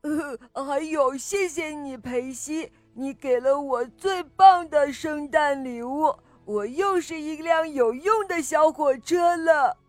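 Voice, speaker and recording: A woman voicing a grateful, humble little diesel train engine that hesitates with soft "uh"s. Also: high voice, takes it slowly, no echo, faint music behind. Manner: hesitant, starting lines with "uh".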